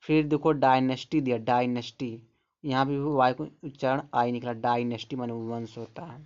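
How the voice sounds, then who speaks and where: A man's voice: medium pitch, fairly even intonation, normal speed, a little mellow, clean tone. A man teaching an English phonics lesson in a mid-range voice. He sounds out and repeats each word patiently before explaining it. The recording is a little dull and lo-fi.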